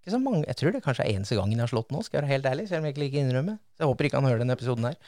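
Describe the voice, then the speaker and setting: A man speaking as a podcast guest, telling lively racing stories with sudden bursts and laughs. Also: mid-range voice, no room sound, studio quality. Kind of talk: casual podcast chat.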